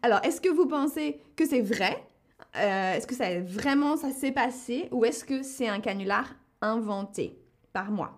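A woman hosting a live lesson, speaking slowly and clearly and putting questions to her viewers. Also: a little high, expressive. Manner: slow and deliberate, asks the audience questions. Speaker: host of a live French-learning stream.

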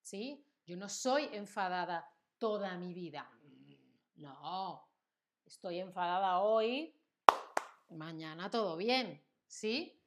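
Profesora española lenta y expresiva. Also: female voice, lowish voice, expressive, a little hiss or hum. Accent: Spanish from Spain. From Spain. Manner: slow, exaggerated acted examples, checks in with "¿sí?". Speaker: Spanish teacher streaming a live class. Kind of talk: live-streamed language lesson.

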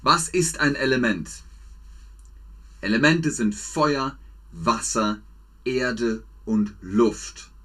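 A man teaching German to a live chat, drilling words slowly and playfully, with big pitch swings. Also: breathy edge. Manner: slow, repetitive, exaggerated drills with lively pitch swings. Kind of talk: slow, playful language lesson for learners.

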